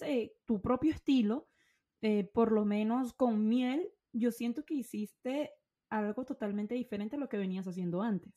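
A woman's voice: on the high side, mellow. A woman hosting a podcast, greeting and questioning her guest in an enthusiastic, effusive way. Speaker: podcast host. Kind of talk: casual podcast chat.

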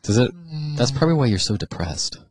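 A man's voice: mid-range voice, sing-song, fairly quick, darkish tone. A man co-hosting a podcast, bantering casually, joking and laughing often. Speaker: podcast co-host.

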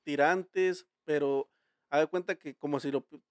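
Slangy Mexican man, fairly high voice. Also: fairly even intonation, a little slow, no echo, clean studio sound. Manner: rambling, slangy storytelling with many restarts. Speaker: podcast host. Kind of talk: casual chat.

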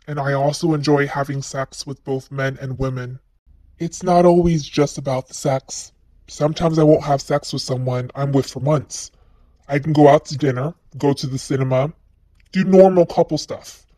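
A man's voice: medium pitch, a little mellow, no echo, poor audio. Man with a disguised, masked voice. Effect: disguised voice, masked by a voice changer. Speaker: listener leaving a voicemail. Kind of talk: read-out personal confession. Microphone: played back from a voicemail.

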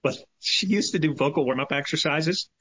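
A man's voice: on the high side, fairly quick, a bit bright, breathy edge, no echo. A man co-hosting a podcast, chatting casually, laughing often and joking loosely. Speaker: podcast co-host. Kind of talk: casual chat. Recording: dull lo-fi sound with faint music.

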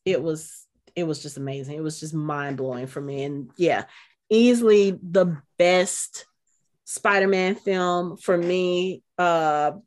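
A middle-aged woman co-hosting a podcast, chatting casually and emotionally, with many fillers and restarts. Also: medium pitch. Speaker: podcast co-host.

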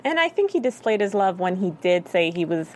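A woman's voice: medium pitch, big pitch swings, a little fast, a little mellow. A woman chatting casually about a TV drama, sympathetic and thoughtful.

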